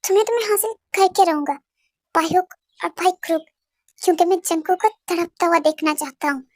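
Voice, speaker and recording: A woman's voice: extremely high pitch, moderate pace, no echo, clean studio sound. A woman voicing an obsessive, vengeful young man who makes gloating, cold threats in a fan audio drama. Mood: menacing.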